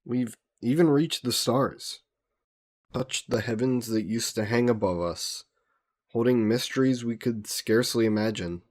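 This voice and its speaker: In an intimate audio roleplay, a man plays a gentle, wistful immortal vampire scholar who is courteous and reflective, musing with hesitant pauses. His mid-range voice stays close to how he'd speak every day.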